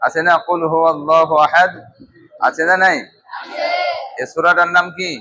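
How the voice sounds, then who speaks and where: A man teaching a Quran class, slowly drilling students on pronunciation with questions they answer back. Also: fairly high pitch, flat delivery, bright, forceful tone. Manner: slow, drilling pronunciation with call-and-response questions. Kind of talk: classroom recitation lesson. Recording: dull lo-fi class recording with crowd noise.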